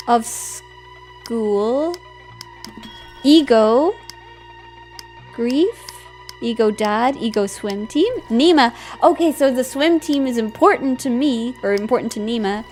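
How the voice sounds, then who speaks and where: High-voiced giggly woman streaming a game. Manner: giggly, excitable, often squeals; reads game text aloud. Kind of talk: casual gameplay commentary.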